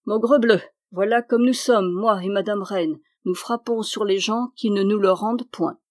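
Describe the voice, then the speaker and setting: Woman reader doing a mocking little dwarf, quick and teasing, dry close mic. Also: medium pitch, no room sound, lightly acted. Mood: gleeful. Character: mocking chattering male dwarf, sly and lively.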